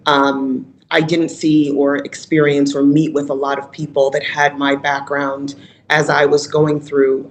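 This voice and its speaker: A woman from Rochester, New York, giving an earnest, measured and reflective talk as a guest speaker at a virtual conference. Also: sits low, slight background noise, rough recording. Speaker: guest speaker, mayor's chief of staff. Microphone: video call.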